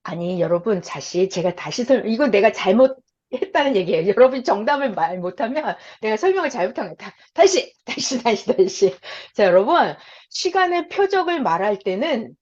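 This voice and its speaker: A woman's voice: medium pitch, very animated, a little fast, darkish tone. A woman teaching a Bible story lesson, quizzing her listeners and acting out the voices in quotes. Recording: dull lo-fi sound.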